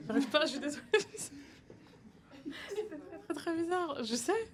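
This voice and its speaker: A woman's voice: high voice, animated, unhurried, crowd noise. A woman volunteering in a hypnosis session, giggling and flustered as she answers the hypnotist in short bursts. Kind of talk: live stream conversation with a hypnotist.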